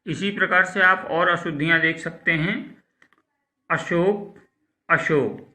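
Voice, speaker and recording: A man teaching a school language class online, slowly repeating words and contrasting wrong and right pronunciations. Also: fairly high pitch, sharp tone. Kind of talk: recorded online class lesson.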